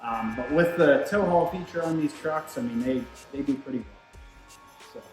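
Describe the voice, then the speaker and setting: The speaker is a man with a mid-range voice at normal speed, casually walking through technical explanations as a product expert would in shop talk. Machines hum away in the shop behind him, with music and a roomy echo on the recording.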